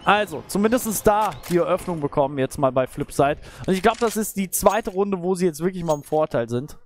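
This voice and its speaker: High-voiced male esports caster. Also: expressive, fairly quick, a little hiss or hum. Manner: esports caster delivery, analytical, exclaiming at big plays. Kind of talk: live esports commentary of a shooter match. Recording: game gunfire and clicks behind voice. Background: video game gunshots.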